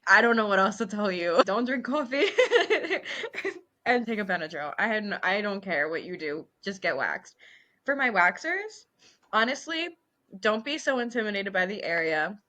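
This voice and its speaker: Bright-toned woman waxer, giggly and candid, in casual podcast chat. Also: mid-range voice, normal speed. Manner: giggly, candid, animated storytelling.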